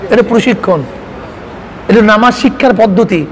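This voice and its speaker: Preacher man, really high voice, keeps firing questions at the crowd, big echoey hall w/ faint hiss. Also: moderate pace. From Bangladesh. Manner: scolding rhetorical questions, mimics others. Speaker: Islamic preacher. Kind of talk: sermon. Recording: reverberant hall with faint noise.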